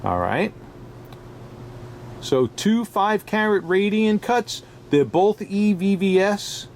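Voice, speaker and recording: Male dealer, New York accent, fairly high-pitched, chatty and unscripted with easy chuckles, faint ambient noise. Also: very animated, takes it slowly. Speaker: diamond dealer. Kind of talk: casual product review vlog.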